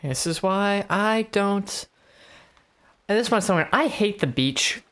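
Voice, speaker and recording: A man's voice: high voice, lively intonation, takes it slowly, fairly bright tone. A man casually chatting while playing a video game, rambling through tangents and laughing often. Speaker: let's play co-host, player. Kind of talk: casual gameplay chat.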